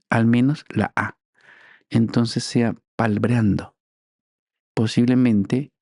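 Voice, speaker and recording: Slow, deliberate teacherly man. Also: medium pitch, creaky, a little mellow, dry recording, studio quality. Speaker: teacher interviewed as guest. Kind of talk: interview, explaining language history.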